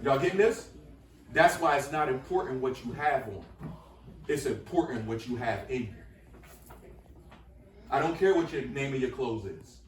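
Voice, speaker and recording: A man's voice: medium pitch, moderate pace, pauses often, a little hiss or hum. Echoey man leading call-and-response. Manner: energetic, coaxing, repeats questions for the group to answer. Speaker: workshop speaker. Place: school classroom with students. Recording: echoey room from far off.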